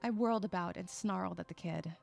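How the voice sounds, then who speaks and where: A woman voices a cranky, sarcastic, troubled young loner in a first-person audio drama, narrating with expressive sighs. Her voice sits fairly low and moves fairly quickly with vocal fry, and faint music plays behind her. The mood is brooding.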